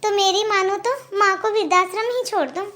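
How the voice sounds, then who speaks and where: A woman voicing a scheming, bossy young daughter-in-law in a cartoon, who talks in a sharp and taunting way. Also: extremely high pitch, brisk. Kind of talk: cartoon voice acting.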